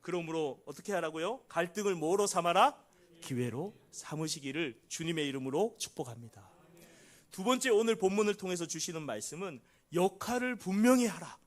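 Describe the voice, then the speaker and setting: A middle-aged man preaching a sermon as pastor, acting out quoted prayers with big shifts from loud cries to hushed pleading. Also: lively intonation, a little fast. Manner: dramatic, acts out quoted prayers with big swings in pitch and volume.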